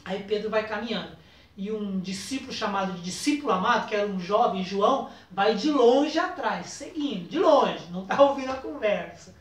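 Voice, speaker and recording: A woman with a Brazilian accent preaching a sermon, telling a story and acting out its dialogue with big swings in loudness. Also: medium pitch, lively intonation, moderate pace. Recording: echoey room, voice from far off the mic.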